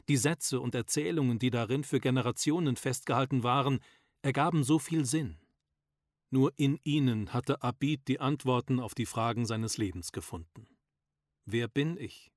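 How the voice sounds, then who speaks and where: A man narrates an audiobook in a calm, measured way. His voice sits in a middle register for a man. It is recorded close on a studio mic with a dry, dead sound. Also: medium pitch, no room sound.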